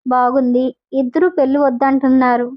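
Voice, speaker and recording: A woman playing a stern older businessman who acts as a father figure, speaking in measured, pleading appeals, on a dull lo-fi recording. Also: high voice, little pitch movement, natural voice. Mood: earnest.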